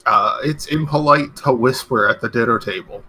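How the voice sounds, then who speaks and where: Male player with a bright, forward voice and a dry, wry delivery. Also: mid-range voice, normal speed. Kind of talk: casual tabletop game chat, partly in character.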